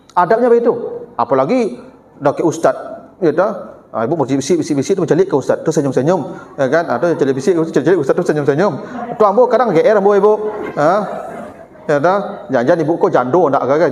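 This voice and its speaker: A man's voice: fairly high pitch, expressive, fairly quick, pauses often, a little mellow, slight background noise. A man with a Minangkabau accent preaching a sermon in a chatty, teasing way, acting out everyday exchanges. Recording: roomy hall with long reverb.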